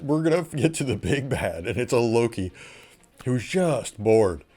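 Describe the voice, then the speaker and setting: A man hosting a reaction vlog, talking in a casual, excitable way that rambles and often restarts. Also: medium pitch. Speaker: channel host reacting to a TV episode.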